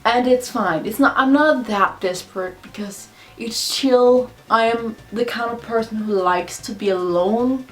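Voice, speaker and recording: A woman's voice: on the high side, measured pace, hardly any pauses. A drunk woman who is not a native English speaker, rambling casually and confessionally in a video blog, often repeating herself. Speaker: video blogger. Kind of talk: casual rambling monologue to camera.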